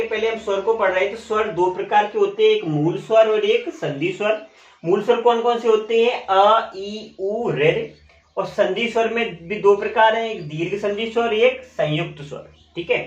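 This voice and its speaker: A male teacher giving a classroom lesson, asking questions and answering them himself, and repeating key terms slowly. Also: sits high. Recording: echoey room, dull lo-fi sound.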